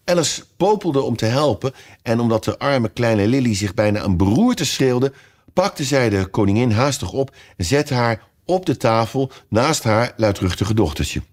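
A man reading a children's storybook aloud with lively, expressive narration. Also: mid-range voice, moderate pace. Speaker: audiobook reader.

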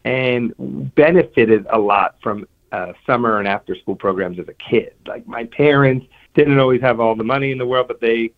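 A man's voice: mid-range voice, normal speed. A man from New Jersey, a guest on a radio interview, talking earnestly and often restarting his sentences. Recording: tinny phone line.

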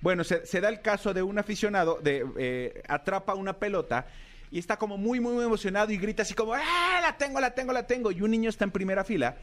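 A Mexican man co-hosting a radio talk show, his voice sitting a little high as he tells stories with lively energy. He acts out the quotes in his anecdotes and keeps the chat casual. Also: quick pace. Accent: Mexican Spanish. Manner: animated storyteller, acts out quotes.

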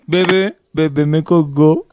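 A man's voice: fairly high pitch, steady tone, slow, very noisy. A man making a prank phone call, persistently talking in teasing baby talk. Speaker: prank caller.

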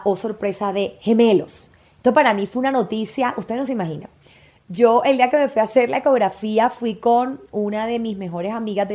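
A woman's voice: medium pitch, darkish tone. A woman in her thirties hosting a podcast, telling a personal story in a candid, emotional way. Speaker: podcast host.

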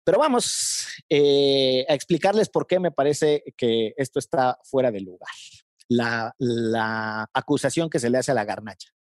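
A man with a Mexican accent telling a comic anecdote in casual chat, animated and quick to laugh. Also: medium pitch, dry recording, studio quality. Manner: animated, laughs often, acts out voices in anecdotes. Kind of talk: casual comedic storytelling.

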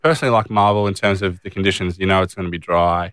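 A man's voice: deep voice, fairly even intonation, racing, a bit bright, clear, resonant tone, no room sound. A young Australian man co-hosting a podcast in casual chat, dry and teasing, earnest at times. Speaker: podcast co-host, footballer.

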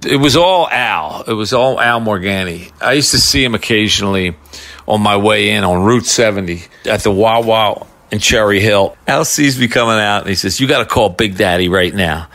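Male guest, conversational anecdote, bright tone. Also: lowish voice, moderate pace, no echo. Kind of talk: casual storytelling.

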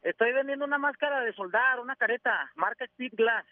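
A man's voice: extremely high pitch, fairly quick, no room sound. Mexican man calling in over a tinny phone line. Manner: relaxed, slangy. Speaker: caller. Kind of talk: casual call-in chat.

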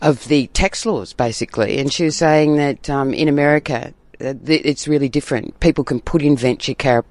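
A woman's voice: deep voice, brisk, a little mellow. Chatty woman hosting. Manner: chatty, stumbles over words. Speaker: radio host. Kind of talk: casual interview.

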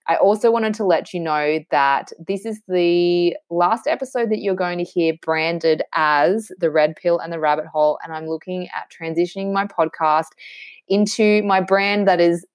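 A woman's voice: fairly low pitch, moderate pace, clean tone, dry recording. An Australian woman in her thirties hosting a podcast, chatty and upbeat, introducing her guest with a few fillers and self-corrections. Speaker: podcast host.

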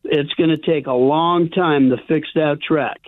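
A man's voice: on the high side, fairly even intonation, a little slow, no echo. An older man calling in to a radio show over a phone line, chatty and emphatic, calling the host "bro". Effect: phone-line caller audio.

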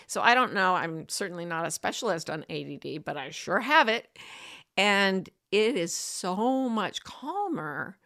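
A woman's voice: fairly low pitch, lively intonation, unhurried, gravelly, pushed and bright. Chatty woman hosting a casual talk. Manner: chatty, informal, addresses listeners familiarly. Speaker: host of a weekly broadcast. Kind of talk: casual personal talk to an online audience.

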